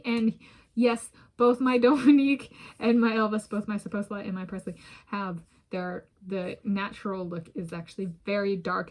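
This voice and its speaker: At home in a residential area, an American woman vlogger talks casually to her own self-filmed camera in a medium-pitched, darkish voice. She rambles, restarting often and letting out small laughs.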